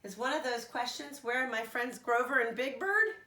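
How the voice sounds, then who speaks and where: A woman voicing a big yellow bird in a children's storybook, friendly, naive and curious, speaking with simple-hearted emphasis. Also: on the high side, animated, normal speed, reverberant, distant mic, voice pushed up.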